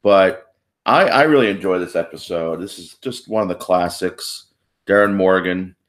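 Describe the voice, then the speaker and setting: A man's voice: deep voice, normal speed. Tired man rambling in casual chat. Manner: rambling, self-interrupting. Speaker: co-host of a live stream discussion.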